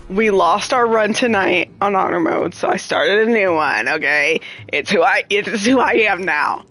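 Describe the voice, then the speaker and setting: A woman's voice: medium pitch, fairly bright tone. A woman streaming a video game from her room at home, chatting with viewers in a profane, playfully dramatic way and laughing often. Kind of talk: live gameplay stream chat.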